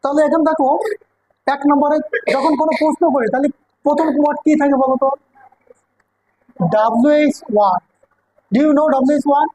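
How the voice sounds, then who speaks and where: A woman's voice: sits high, steady tone, fairly quick, pauses often, dark tone, no room sound, low-quality recording. A woman with a Bengali accent teaching an English grammar class, often checking whether her students understand. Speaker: English teacher at a coaching center.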